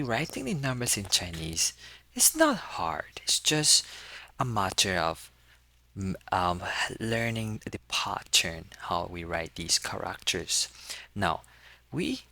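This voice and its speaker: Slow gravelly man teaching. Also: deep voice, pushed and bright, dry recording. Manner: slow, patient, repeats and demonstrates sounds. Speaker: language tutor. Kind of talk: casual teaching walkthrough.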